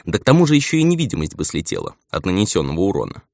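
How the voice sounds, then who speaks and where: Male audiobook narrator, lowish voice, lively intonation, dry close sound, wry asides. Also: very fast, creaky, no room sound. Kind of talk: first-person audiobook narration.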